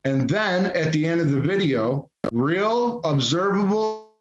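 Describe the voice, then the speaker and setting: A man's voice: on the high side, expressive, unhurried, roomy sound, a little hiss or hum. A man earnestly telling a story over a remote call, repeating phrases as his glitchy audio keeps cutting out. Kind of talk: casual debate over a call. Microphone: remote call connection. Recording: dull lo-fi call audio with dropouts.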